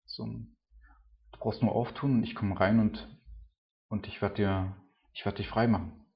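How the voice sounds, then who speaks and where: Low-voiced preacher, dull lo-fi sound. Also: male voice, steady tone, normal speed, gravelly. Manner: casual, filler-heavy, with frequent "ne" and "so". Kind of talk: informal sermon.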